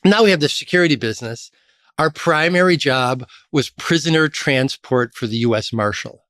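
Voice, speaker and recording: A middle-aged man from Chicago spins stories from his working life as an interview guest. His pitch leaps and drops as he goes. The sound is close and dry. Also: normal speed, no echo. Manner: animated storyteller, lively pitch jumps. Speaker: podcast guest, association executive. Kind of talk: storytelling interview.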